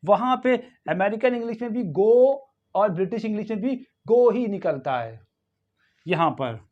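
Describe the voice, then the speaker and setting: Slow, high-voiced Indian man teaching pronunciation. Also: lively intonation, phone-quality sound. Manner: slow, repeats words for drilling, mixes Hindi and English. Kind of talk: video lesson.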